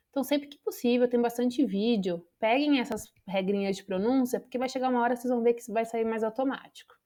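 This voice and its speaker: Speaking through her computer microphone on a video call, this woman patiently walks her online English students through the lesson. She has a Brazilian Portuguese accent, and her voice is a little high with a warm tone.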